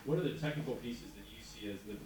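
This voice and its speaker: A man's voice: lowish voice, fast, a crowd in the background. Casual male moderator, distant mic in a big reverberant hall with audience murmur. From United States. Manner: relaxed, conversational, informal fillers. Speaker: panel moderator. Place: large conference hall. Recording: echoey hall from far off with audience.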